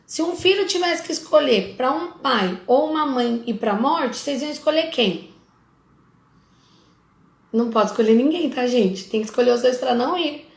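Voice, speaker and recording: A middle-aged Brazilian woman therapist talks straight to her audience in a high voice with a gravelly edge. She is blunt and scolding and keeps throwing in casual asides. The room around her sounds echoey. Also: expressive, normal speed. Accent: Brazilian Portuguese. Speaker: family constellation therapist. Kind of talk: casual talk to followers.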